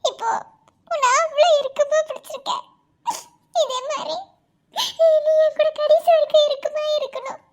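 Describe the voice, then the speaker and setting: A clingy, tearful young wife in an animated cartoon. Her tone sits extremely high, almost childlike, and she pleads through sobs. She sounds desperate not to be left alone. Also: normal speed, a little hiss or hum.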